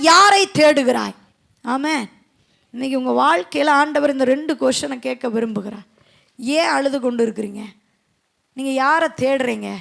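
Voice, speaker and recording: A woman preaching a Sunday sermon at a church service, fervent, moving between quiet asides and loud cries. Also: extremely high pitch, gravelly.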